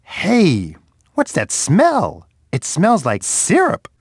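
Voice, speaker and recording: A man voicing a big friendly bear who cheerfully guides children through an edutainment game, encouraging them with expressive, playful reactions. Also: high-pitched, drawn-out words, slight background noise, heavily acted. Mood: curious, delighted. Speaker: children's game character and storyteller.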